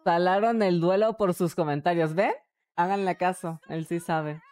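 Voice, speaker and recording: Mexican woman streamer, low voice, crude jokey game commentary. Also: normal speed, darkish tone. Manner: crude, joking, talks to chat. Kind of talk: casual live gameplay commentary.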